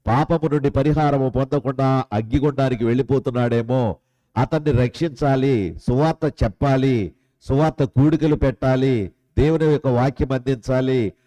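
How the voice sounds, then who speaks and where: Emphatic male preacher, warm voice. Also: rough recording. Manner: emphatic preaching, many rhetorical questions; swings between loud high and soft low. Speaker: pastor. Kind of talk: sermon.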